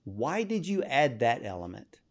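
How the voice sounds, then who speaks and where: A man interviewing a filmmaker, framing his questions at length and with clear admiration before he asks them. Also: mid-range voice, sing-song, unhurried.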